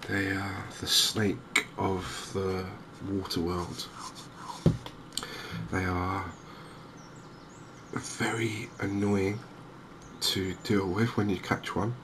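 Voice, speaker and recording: Speaking quietly in ASMR gaming fashion, this male host of a gaming video keeps things calm and slow. His lowish voice holds a flat, steady line with minimal variation. Behind him, ambient noise comes through clearly as he chats to his audience between pauses.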